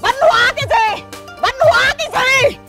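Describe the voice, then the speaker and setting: A hot-tempered village mother, cursing in a very high, shrill voice. Her rants roll on in rhythmic bursts. A loud music bed plays behind her. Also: normal speed. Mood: indignant. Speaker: village woman cursing a thief. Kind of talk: comedy sketch acting.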